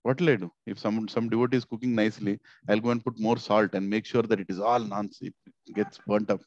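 A middle-aged man with a South Indian accent giving an informal devotional sermon, animated and repetitive, asking rhetorical questions into a headset mic. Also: on the low side, fairly quick, no room sound. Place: small indoor office. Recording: slightly dull, lo-fi headset audio.

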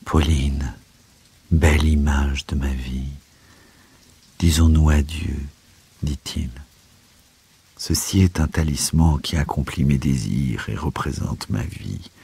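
A man reading the lines of a dying young man in a storybook reading, speaking in a slow, muted, hollow way. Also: extremely low pitch, vocal fry, mellow, husky, full character voice. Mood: despairing.

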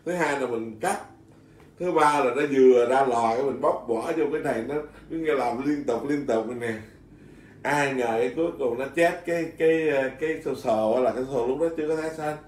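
A Buddhist monk, telling stories in casual chat, animated, laughing often and restarting his sentences. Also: mid-range voice, a little fast. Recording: echoey room, mic at a distance.

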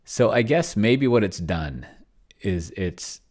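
This is a middle-aged host doing a solo roleplay to test an AI dungeon master, giving casual think-aloud commentary over a screen share in a room with shelves. He rambles and mutters while reading and typing, in a fairly low, animated, slightly mellow voice that moves slowly.

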